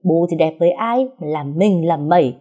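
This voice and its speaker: A woman voicing a feisty, sharp-tongued young wife who teases and argues cheekily. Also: on the low side, lively intonation, husky. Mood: mocking. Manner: cheeky, teasing, quick to argue.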